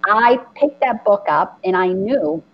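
A middle-aged woman from the Dominican Republic, hosting a spiritual conversation and telling her story with earnest, animated feeling. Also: mid-range voice, unhurried, lo-fi sound.

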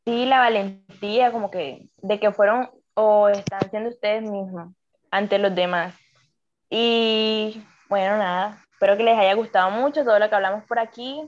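A woman's voice: mid-range voice, fairly even intonation, moderate pace, lo-fi sound, slight background noise. A young woman with a coastal Colombian Spanish accent chats casually as a podcast guest, rambling and exclaiming as she goes. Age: young adult.

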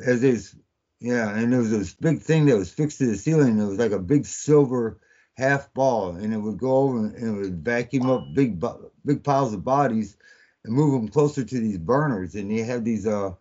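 A man calling in to a podcast, talking in a halting, rambling way with many fillers, over a phone line that keeps cutting out. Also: medium pitch, mellow. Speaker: podcast guest on a phone call. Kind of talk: casual rambling account.

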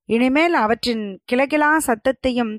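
A woman's voice: fairly high pitch, a little slow, dry recording, studio quality, natural voice. A woman reading a frail old hermit sage. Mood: solemn. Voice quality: feeble, dreamlike voice.

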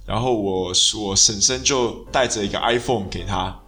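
A man's voice: lowish voice, normal speed, fairly bright tone. A man, hosting a casual podcast chat, often restarting his sentences and slipping into English phrases. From Taiwan. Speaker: podcast host.

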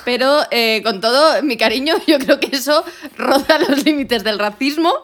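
A woman's voice: high voice, moderate pace. A woman, co-hosting a casual chat. She is sarcastic and laughs often. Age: 30s. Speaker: podcast co-host.

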